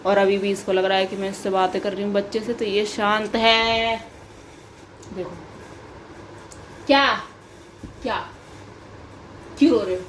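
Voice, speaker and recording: A woman's voice: medium pitch, little pitch movement, measured pace, pauses often, fairly bright tone, slight background noise. A young woman vlogging at home by an open balcony, chatting casually and repeating herself as she complains playfully. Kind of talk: casual vlog chat. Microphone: camera on a tripod.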